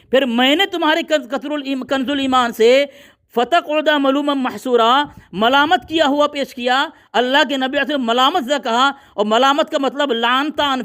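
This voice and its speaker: A man in a heated religious debate, combative and commanding, who keeps shouting down his opponent and citing books at length. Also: very high-pitched. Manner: combative, commanding, repeatedly ordering silence.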